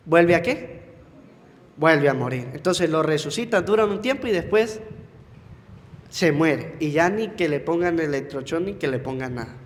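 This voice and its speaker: Male priest, higher voice, preaching in an echoing church; leads with questions and answers them himself. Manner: addresses listeners formally as usted. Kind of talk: sermon.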